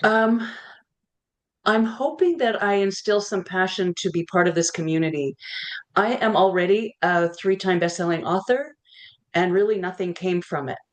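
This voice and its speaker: Lowish-voiced woman on a video call, excited and kinda hesitant, lots of ums. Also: moderate pace. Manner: excited, heartfelt, hesitant with fillers. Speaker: author and community leader. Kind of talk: info session talk.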